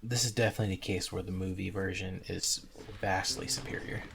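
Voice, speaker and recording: A man's voice: deep voice, fairly even intonation, fairly quick, creaky, fairly bright tone. A man co-commentating a let's play in casual chat, blunt and slangy and fond of teasing. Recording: game music playing behind.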